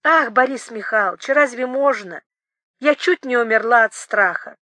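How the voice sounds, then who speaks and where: A woman's voice: fairly high pitch, animated, normal speed, pushed and bright, no room sound. A woman reading a flustered, apologetic woman. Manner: anxious, apologetic, faltering. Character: flustered, guilty, timid woman, easily frightened.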